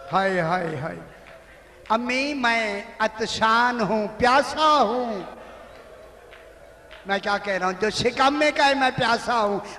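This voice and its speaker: A man giving a mourning sermon as a religious orator, lamenting with drawn-out cries of grief. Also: very high-pitched, pushed and bright, a little hiss or hum. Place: large hall at a mourning gathering. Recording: echoey hall with long reverb.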